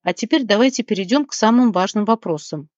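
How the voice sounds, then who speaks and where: A woman's voice: mid-range voice, expressive, fast talker, a little mellow, no echo, close to an everyday voice. A woman doing a clipped, demanding lady. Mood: curt. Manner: clipped, curt. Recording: dry, slightly muffled recording.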